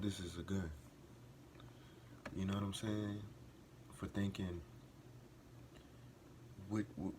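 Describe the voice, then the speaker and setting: A man's voice: lowish voice, background noise. A man hosting a reaction video, talking earnestly and with passion, repeating and restarting phrases as he builds to emphatic bursts. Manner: earnest and impassioned, rising to emphatic outbursts. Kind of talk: casual reaction commentary.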